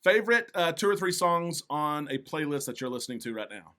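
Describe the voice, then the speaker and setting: A man hosting a casual interview, agreeable and quick to echo short affirmations. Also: on the high side, animated, pushed and bright. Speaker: interview host.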